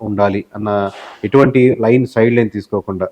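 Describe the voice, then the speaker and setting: With a fairly low, slightly mellow voice, this man talks fast while answering interview questions in an explanatory style. He appears as a guest political analyst who heads an election survey company, speaking with a Telugu accent and working in English words and phrases. His roots are in Telugu-speaking southern India.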